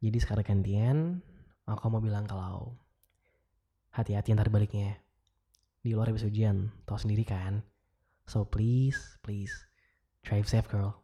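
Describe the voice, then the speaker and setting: A young man with an Indonesian accent playing a caring, wistful ex-boyfriend in a gentle, casual, intimate voicemail monologue, mixing in English. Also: fairly low pitch, flat delivery, unhurried, long pauses, breathy edge, muffled recording. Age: young adult.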